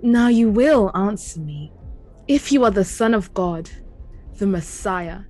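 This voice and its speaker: A woman playing a proud, menacing king who taunts a prisoner in a slow, deliberate, imperious way in an audio play. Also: mid-range voice, expressive, dark tone, soft background music, natural voice. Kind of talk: dramatic audio play acting.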